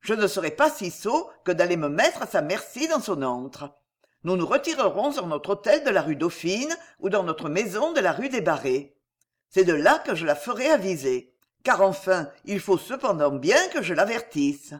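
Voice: mid-range voice, big pitch swings, moderate pace. An audiobook reader voicing a proud nobleman, a duke who swears and sighs. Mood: wry. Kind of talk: audiobook reading of a historical novel.

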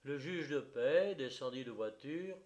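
A man reading a literary story aloud in a measured, expressive narration. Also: medium pitch.

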